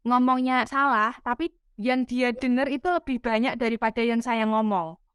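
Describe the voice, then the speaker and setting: A woman's voice: on the high side, steady tone, moderate pace, a bit bright, clear, resonant tone, dry recording, clean studio sound. A woman talking casually and candidly about her own mistakes as a parent, often quoting her child. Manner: candid, self-deprecating, quotes her child. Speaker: parent sharing experience. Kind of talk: casual chat.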